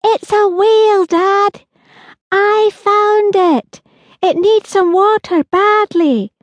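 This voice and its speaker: A woman voicing an excited young girl in a children's audiobook, urgent and pleading. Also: very high-pitched, slow pace, dry recording, voice pushed up. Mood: eager. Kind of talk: audiobook character voice.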